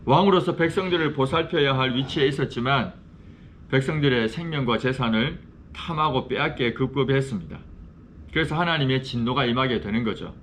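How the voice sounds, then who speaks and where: A male pastor delivers a Bible study lecture with a measured, explanatory delivery. His voice sits at an ordinary middle pitch. He often turns to the class with questions, and a faint hum of room ambience runs underneath. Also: fairly bright tone. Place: church classroom.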